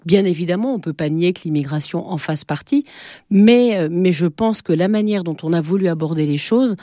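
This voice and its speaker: Mellow woman arguing haltingly in debate. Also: on the low side, no room sound, studio quality. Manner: halting, repeats words while arguing. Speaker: local politician, debate guest. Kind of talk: political debate argument.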